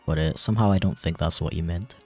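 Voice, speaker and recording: A man's voice: deep voice, fast, a little mellow, soft background music. A man streaming while he animates, chatting casually and rambling with a self-deprecating tone and lots of fillers. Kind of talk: casual livestream chat.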